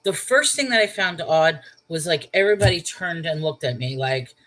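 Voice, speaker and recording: A woman from New York tells a personal story to her livestream viewers, her voice sitting on the low side. She talks casually and keeps checking in with "okay?" and "all right?" She also wonders aloud with rhetorical questions. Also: animated, moderate pace, a bit bright, low-quality recording. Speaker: channel host.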